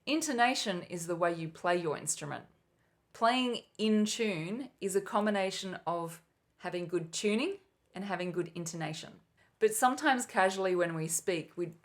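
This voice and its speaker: An Australian woman teaching an online flute lesson, her voice set a little low. She talks with bubbly enthusiasm, playfully calling herself a nerd as she explains ideas step by step. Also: normal speed.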